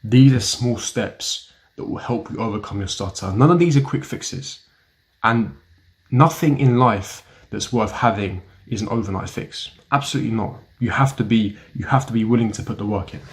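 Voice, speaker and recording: Speaking straight to camera, a young man lectures the viewer with blunt, emphatic self-help advice, repeating his key points over and over. His voice is fairly low, and he talks at a moderate pace.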